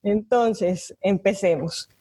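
An older woman with a Mexican accent, a visual artist invited as a panelist, reads her prepared reflections aloud at an online talk. Her medium-pitched voice is slow, mellow and slightly rough, with faint music behind it.

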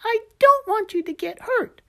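A woman's voice: extremely high pitch, expressive, moderate pace, vocal fry, bright, forceful tone, pitched above the performer's own voice, full character voice. A woman voicing an eager, cheerful little male gecko who coaches his friend in a storybook reading, chirpy and encouraging. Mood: coaxing.

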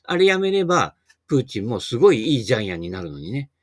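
A middle-aged man talks in a loose, folksy monologue, jumping between jokes and asides. His pitch swings widely as he goes. The recording is dry and close, with no room sound. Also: big pitch swings, quick pace, dry recording. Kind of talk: casual monologue.

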